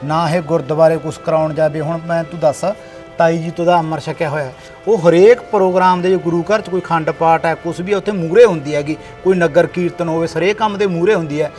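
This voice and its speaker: A man's voice: fairly high pitch, fairly even intonation, brisk, a little mellow, soft background music, lightly acted. A man playing a grown village son, scolding and bossy in tone. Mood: persuading. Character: grown village son organizing flood relief. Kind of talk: village short film acting.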